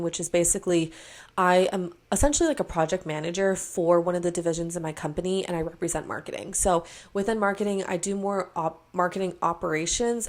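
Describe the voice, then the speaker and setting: Woman, twenties, casual sit-down vlog talk, low pitch, vocal fry, earnest, chatty. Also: darkish tone. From Hawaii. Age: 20s. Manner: chatty, filler-heavy, earnest. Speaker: vlogger. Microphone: camera mic, sit-down framing.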